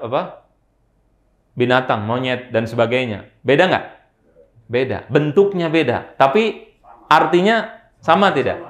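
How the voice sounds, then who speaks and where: A man's voice: medium pitch, echoey room. A man giving a religious study lecture, often asking his listeners questions and answering them himself. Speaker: Islamic teacher. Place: mosque office study hall.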